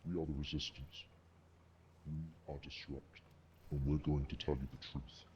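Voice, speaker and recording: A masked rebel in a game, super deep flat solemn voice, muffled noisy tape. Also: male voice, moderate pace. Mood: grave defiance. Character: menacing masked male resistance spokesman speaking from the shadows. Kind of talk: scripted propaganda broadcast.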